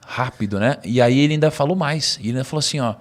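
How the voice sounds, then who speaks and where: Fast-talking Brazilian man telling a story. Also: mid-range voice. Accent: Brazilian Portuguese. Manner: animated, slangy, laughs mid-story. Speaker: podcast guest. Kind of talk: storytelling in casual conversation.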